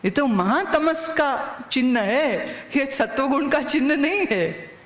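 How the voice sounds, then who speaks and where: A woman's voice: sits high, expressive, slow pace. Woman spiritual teacher delivering a satsang, questioning listeners directly; roomy, reverberant recording. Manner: anecdotal teaching with rhetorical questions. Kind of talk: satsang discourse.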